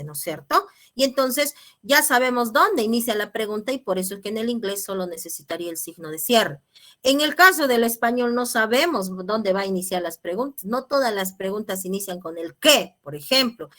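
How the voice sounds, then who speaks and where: A woman's voice: a little high, fairly bright tone. A woman teaching an online class, explaining patiently and checking in with her students. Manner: patient, checks in with tag questions.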